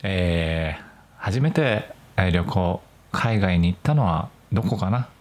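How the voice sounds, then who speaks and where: This solo podcast host, a young man from Nagoya, speaks to language learners in a deep voice and takes it slowly. He uses largely standard Japanese with a hint of Nagoya flavor, explaining with care in a relaxed, chatty tone.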